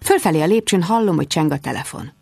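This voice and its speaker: A woman reading a first-person story as an audiobook narrator, with expressive delivery. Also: low voice, vocal fry, slightly rough, dry recording, studio quality.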